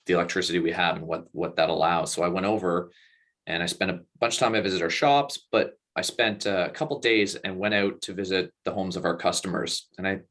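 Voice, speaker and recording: A man's voice: sits low, brisk, fairly bright tone. A man telling a personal story in an interview, earnest and reflective. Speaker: guest, company co-founder.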